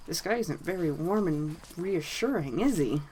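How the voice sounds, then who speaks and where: A woman voicing a kind, cheerful boy who speaks warmly and gently. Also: on the low side, expressive, normal speed, a little hiss or hum, natural voice, rough recording. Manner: warm and gentle.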